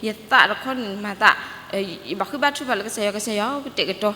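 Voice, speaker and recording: A woman's voice: mid-range voice, a little fast, pushed and bright. A woman giving a church talk, speaking steadily and plainly. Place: church hall. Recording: reverberant church hall, faint noise.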